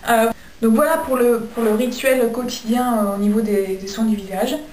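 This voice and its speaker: A woman's voice: on the high side, fairly even intonation, normal speed, a little mellow, slight background noise. Chatty young Frenchwoman, echoey room. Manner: chatty, frequent hesitations. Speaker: beauty vlogger. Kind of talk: casual skincare review. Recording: echoey room, mic at a distance.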